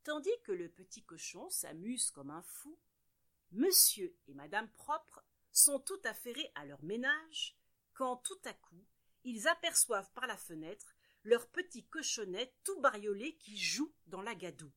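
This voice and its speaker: Slow, bright-voiced woman storyteller. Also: on the high side. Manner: expressive, playful sound words. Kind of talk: storytelling for children.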